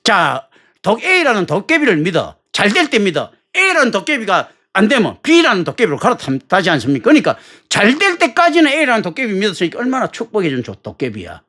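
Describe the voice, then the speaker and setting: A man's voice: high voice, huge pitch swings, moderate pace, bright, forceful tone. A male pastor preaching a sermon in a colloquial, joking way, full of rhetorical questions.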